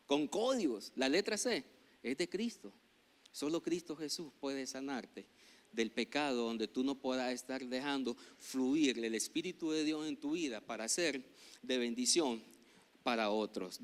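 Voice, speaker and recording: A man with a Nicaraguan Spanish accent, a pastor preaching a sermon, growing loud when he reads scripture and joking with the congregation. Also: mid-range voice.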